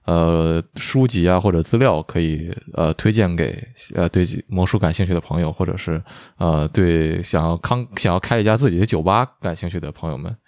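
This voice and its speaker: Low-voiced man hosting, dry sound. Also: normal speed, a little mellow, dry recording. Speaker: podcast host asking questions. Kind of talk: casual interview.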